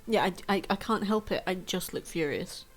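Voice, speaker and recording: A young woman with a lowish voice chats to stream viewers from home at a normal speed, rambling and running herself down in a casual way. Faint music can be heard behind her.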